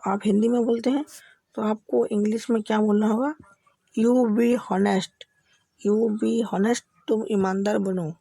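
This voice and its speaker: Slow, gravelly-voiced woman teaching English. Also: medium pitch, mellow, dry recording. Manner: slow, repeats each phrase several times. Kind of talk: English speaking lesson, explaining in Hindi.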